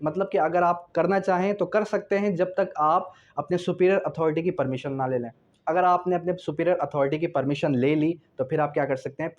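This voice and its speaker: His voice is high-pitched and slightly mellow as he gives an explanatory law lecture with a Pakistani accent and English mixed in. He asks questions and answers them himself, slowing down when reading out clauses.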